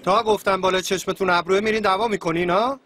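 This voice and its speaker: A man's voice: high voice, steady tone, music in the background, natural voice. A man dubbing a stern male police captain who scolds and gives orders. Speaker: police officer. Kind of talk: dubbed TV drama dialogue.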